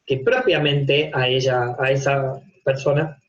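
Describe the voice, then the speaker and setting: In a mid-range, fairly bright voice with fairly even intonation and a measured pace, an Argentine man teaches psychopathology at university level. He gives the informal online lecture from his home office, laying things out step by step with everyday examples and rhetorical questions. It is recorded as dull, lo-fi video-call audio.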